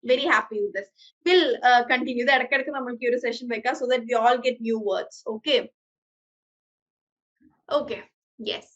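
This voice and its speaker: Teaching English online, this Malayali-accented woman speaks slowly with many pauses in a slightly high voice. She continually encourages her students on the video call. The sound is a little bright, with the high frequencies cut off.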